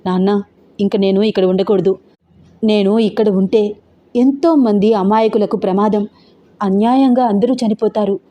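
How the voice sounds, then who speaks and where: A woman voices a young schoolgirl in an audio story, steady and solemn, her tone mellow and low-key. She speaks with a firm, grave calm. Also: normal speed, long pauses, lightly acted.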